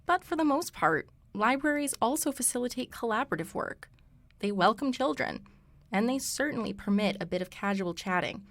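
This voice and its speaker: A young woman co-hosting a student radio show, reading a scripted segment in a brisk, wry way. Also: a little high, no room sound. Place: radio studio.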